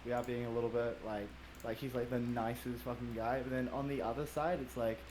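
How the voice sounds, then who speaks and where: A man's voice: medium pitch, little pitch movement, fairly quick, background noise. A man, a guest player on an esports podcast, talking in a rambling, self-conscious way. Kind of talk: casual esports podcast chat.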